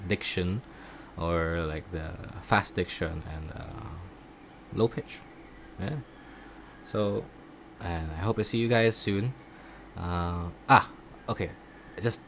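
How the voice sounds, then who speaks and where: A man chatting casually in a video diary about his voice acting classes, rambling and halting, often poking fun at himself. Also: low voice, slight background noise. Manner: self-deprecating. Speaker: voice acting student vlogger.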